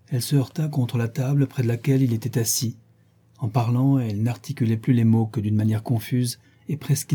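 A man narrating a classic novel in a measured, literary way. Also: medium pitch, dark tone, husky. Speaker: audiobook narrator. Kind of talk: scripted narration.

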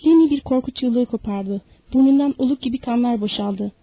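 A woman narrating an audiobook in a steady, measured reading. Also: a little high, no echo, phone-quality sound.

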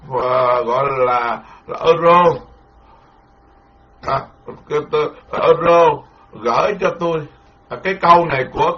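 A Buddhist monk giving a dharma talk, animated, repeating words and laughing ruefully. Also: male voice, on the high side. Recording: lo-fi muffled recording.

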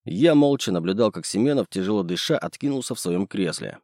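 Low-voiced male audiobook narrator. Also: expressive, a little fast, dark tone, no echo, studio quality. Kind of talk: scripted first-person narration.

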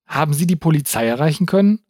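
A man's voice: fairly high pitch, animated, quick pace, a little mellow, no echo, voice pushed up. A pushy woman reporter, as a male narrator puts her on, raised and pressing, asking pointed questions in a dry, close sound. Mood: brisk. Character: persistent, challenging woman reporter.

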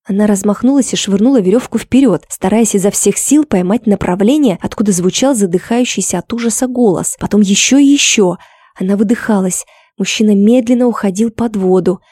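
A woman narrating an audiobook in a steady, tense storytelling manner. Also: medium pitch, fairly quick, no echo, studio quality. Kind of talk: scripted narration.

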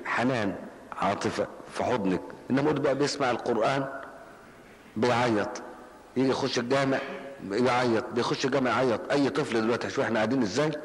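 The mid-range voice belongs to an older preacher with an Egyptian Arabic accent, teaching a question-and-answer lesson in a mosque hall. His style is colloquial and story-driven, with repeated phrases for emphasis; the low-quality recording carries some hiss or hum and large-hall echo.

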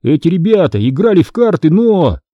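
An indignant twelve-year-old boy who insists and grumbles, as a male reader puts him on. The pitch is lifted above a dark, husky natural voice, with a lively, bouncing delivery. The sound is close and dry. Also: fairly quick, no room sound, muffled recording. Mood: exasperated. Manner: exasperated, insistent. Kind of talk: audiobook character voice.

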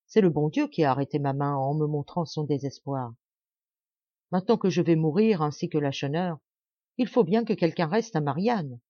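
Brave young peasant man, read by a woman, solemn, mellow dark tone, dull lo-fi sound. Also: sits low, normal speed, no echo. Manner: solemn, urgent pleading. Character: brave, grim young male peasant fighter.

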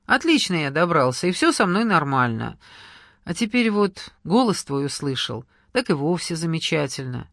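A light, ironic husband in an audiobook, voiced by the narrator, teasing and good-natured. Close, dry sound. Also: male voice, on the high side, very animated, moderate pace, gravelly, a bit bright, no room sound, heavily acted. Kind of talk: audiobook character reading.

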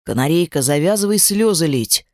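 A woman's voice: low-pitched, animated, normal speed, dry recording, studio quality. A woman voicing a domineering young man who speaks in curt, mocking, menacing lines in an audiobook. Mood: gruff teasing. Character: gruff, domineering young man, a crime boss. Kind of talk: audiobook character voice.

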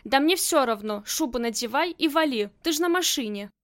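A woman's voice: sits high, lively intonation, brisk. Woman reading as a devoted, bossy husband. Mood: insistent. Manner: tender, then gruff and commanding. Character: adoring husband, gangland boss's man.

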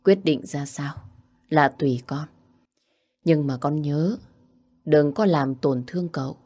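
Brief: storybook mother, soft and patient, low voice, voiced by a woman. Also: slow pace, husky, exaggerated voice. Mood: coaxing. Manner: calm, coaxing. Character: caring middle-aged mother, gently persuasive.

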